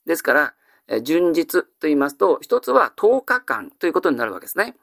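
A man teaching vocabulary in an exam-prep lecture, with a lively, animated pitch. His delivery is patient and explanatory, with frequent drawn-out fillers. The recording is dry and close. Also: gravelly, no echo. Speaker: classical Japanese teacher.

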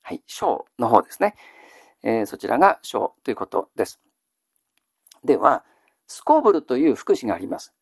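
Patient male teacher, gravelly and lively. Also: mid-range voice, no echo, clean studio sound. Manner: patient, drills listeners with questions and repeats answers; polite, measured lecturing with frequent fillers. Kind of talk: classical Chinese reading lesson.

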